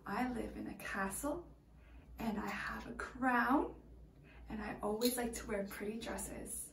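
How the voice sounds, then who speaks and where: A woman teacher, voice on the high side and creaky, reads a picture book to young children a little slowly, with slight background noise. She narrates with expression and slips into soft whispered asides.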